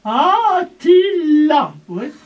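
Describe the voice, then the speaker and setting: High, lively woman voice teacher. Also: very slow, highs cut off. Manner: demonstrates sung vowels between spoken instructions. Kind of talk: singing lesson coaching. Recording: voice from far off the mic.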